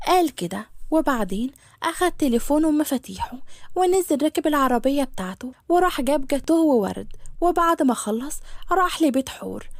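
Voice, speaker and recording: Egyptian woman reading a love story fast, dry close sound. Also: sits high, sing-song, dry recording. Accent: Egyptian Arabic. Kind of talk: scripted narration.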